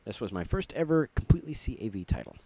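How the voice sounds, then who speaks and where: A man's voice: mid-range voice, very animated, quick pace, warm tone, slightly rough. A man casually showing off his laserdisc collection, jokey and rambling, with puns and asides. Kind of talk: casual show-and-tell vlog.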